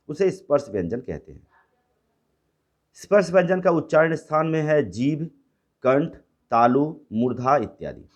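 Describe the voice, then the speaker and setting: Man teaching a grammar lesson, lively pitch. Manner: explains by repeating, switching to English and Bengali words.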